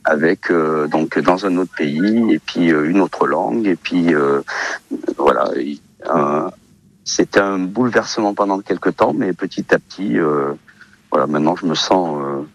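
Deep-voiced hesitant man in his fifties. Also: a little slow. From Portugal. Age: 50s. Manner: hesitant, many fillers. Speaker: olive oil seller guest. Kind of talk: radio interview.

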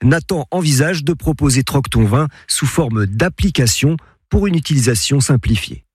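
Breathy male radio reporter. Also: mid-range voice, animated, moderate pace, a little mellow, dry recording, studio quality. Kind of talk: scripted report narration.

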